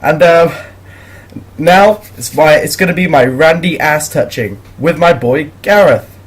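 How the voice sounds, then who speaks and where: Teen male vlogger, husky, slightly high voice, loose rambling storyteller. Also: measured pace. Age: teens. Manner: rambling, laughing, awkward. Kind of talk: casual storytelling commentary.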